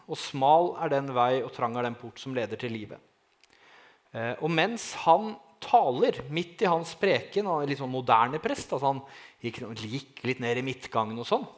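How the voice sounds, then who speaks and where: A man shares his testimony with a lot of energy. His voice sits a little higher than most men's. He keeps turning to his listeners for agreement, and his loudness swings from hushed to loud. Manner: lively, asks the audience "right?", dramatic swings in loudness. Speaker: speaker giving a testimony. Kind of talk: personal testimony, storytelling.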